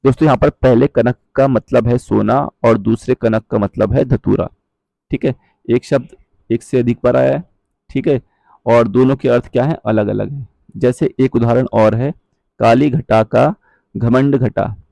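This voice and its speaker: A man teaching a Hindi grammar lesson, explaining patiently, checking in with his viewers often and reciting verse lines slowly. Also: mid-range voice, gravelly, warm tone, no room sound. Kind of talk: online exam-prep lesson.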